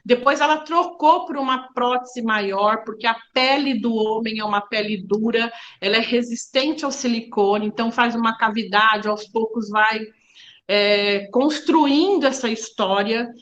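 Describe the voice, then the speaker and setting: A woman's voice: on the high side, unhurried, fairly bright tone, dull audio. A middle-aged woman giving a public lecture as a diversity official, frank and didactic, addressing the audience directly.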